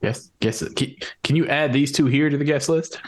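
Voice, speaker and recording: A man's voice: a little high, fairly even intonation, normal speed. A man playing a tabletop game, chatting informally and hesitantly as he thinks aloud. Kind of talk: casual in-game chat.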